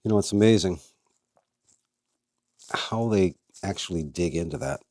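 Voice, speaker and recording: A man's voice: deep voice, a little slow, a little mellow, no room sound, studio quality. A man hosting a casual how-to video, chatting as he works and talking to his worms. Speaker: vlog host and worm farmer.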